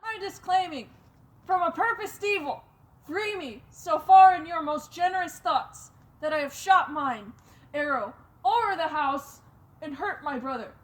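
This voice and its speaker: A woman playing the young prince Hamlet in an amateur home video, reading her lines slowly and deliberately. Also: high-pitched, lively intonation. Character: young male prince, troubled and apologetic.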